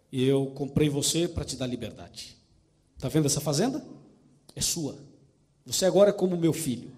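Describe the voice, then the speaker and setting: Preacher voicing a gentle Brazilian farmer. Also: male voice, a little high, pitched below the performer's own voice, lightly acted. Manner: gentle, generous, reassuring. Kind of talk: preacher's story voice.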